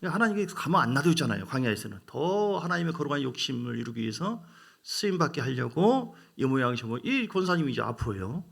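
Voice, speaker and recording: Gravelly-voiced male pastor preaching emphatically. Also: mid-range voice, very animated, brisk. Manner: emphatic preaching with sudden loud rises and hushed asides. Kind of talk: sermon.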